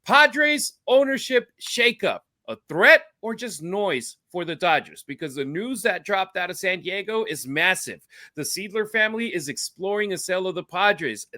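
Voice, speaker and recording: A man's voice: high voice, lively intonation, moderate pace, pushed and bright, no echo, clean studio sound. A man hosting a sports podcast, talking baseball in an upbeat, promo-style way. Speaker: podcast host.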